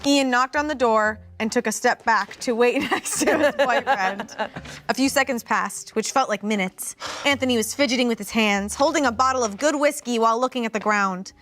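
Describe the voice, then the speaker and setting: A woman's voice: a little high, normal speed, fairly bright tone, faint music behind. A woman narrating a fan-fiction story aloud for comedy, amused and often laughing.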